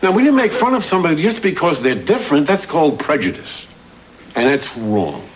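An actor playing a well-meaning, awkward pediatrician in a sitcom, halting and earnest as he pleads. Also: on the high side, very animated, slight background noise, poor audio. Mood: exasperated, pleading.

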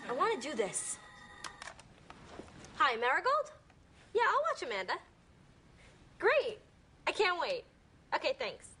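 A woman's voice: sits high, wildly swooping pitch, unhurried, pauses often, sharp tone, slight background noise, heavily acted. A woman playing an eager, earnest teenage half-witch girl in a sitcom, perky and polite. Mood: eager, confident. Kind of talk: sitcom acting.

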